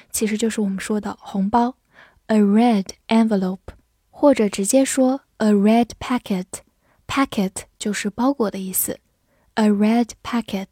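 A woman teaching English vocabulary, spelling words out letter by letter and repeating them slowly. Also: a little high, warm tone, slightly rough, no room sound, studio quality. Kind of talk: vocabulary lesson.

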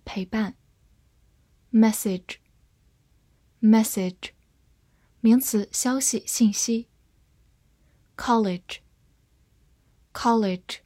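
Woman teacher reading out vocab super slow, kinda breathy, bit high voice. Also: dark tone, dry recording. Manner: slow, careful word-by-word reading. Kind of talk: scripted vocabulary lesson.

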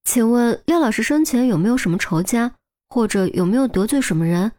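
A woman voicing a young, impatient female police detective who is sharp and suspicious. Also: fairly high pitch, animated, a little fast, natural voice. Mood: questioning. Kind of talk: audiobook character voice.

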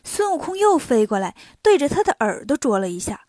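A woman narrating a children's story in a lively, clear and expressive way. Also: sits high, a little fast, no echo.

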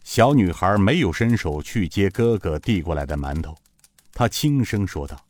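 A male narrator tells the story in a fairly low voice that rises and falls freely. He shapes each sentence with expressive, storytelling emphasis. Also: moderate pace. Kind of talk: audiobook narration of a martial-arts novel.

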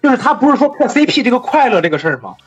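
A podcast co-host chatting casually about a comedy show, animated and laughing often. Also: medium pitch, rapid-fire, husky, highs cut off, faint music behind. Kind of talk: casual chat commentary.

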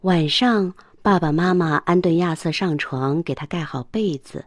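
A woman storyteller reading a children's storybook aloud, expressive and animated. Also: fairly low pitch, moderate pace, no room sound.

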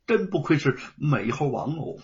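A man voicing an upright young male scholar who speaks in a cool, measured, stern way. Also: on the high side, very animated, darkish tone. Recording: dull lo-fi recording.

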